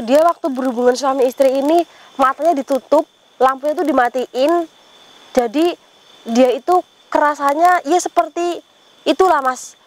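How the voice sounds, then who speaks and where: A woman with an extremely high, piping voice hosts a ghost-hunting vlog. She poses questions to someone unseen and repeats the replies to her viewers, breaking in often with pious exclamations. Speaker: paranormal vlogger relaying a spirit.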